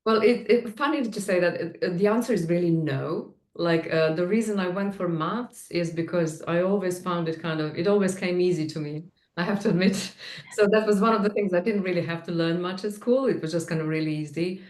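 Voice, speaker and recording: A woman's voice: on the low side, brisk, a little mellow, roomy sound. A woman from Serbia with a Serbian accent, a guest in a casual interview, talking with many fillers and restarts and laughing easily. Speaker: guest, tech manager.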